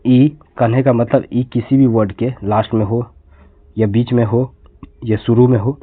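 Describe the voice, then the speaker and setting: Male tutor, patient spell-and-repeat delivery, middle pitch, lo-fi phone sound. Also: fairly even intonation, normal speed, breathy edge. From India. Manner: spells words letter by letter, then repeats and explains each. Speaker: teacher. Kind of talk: spoken lesson. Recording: tinny phone-quality audio.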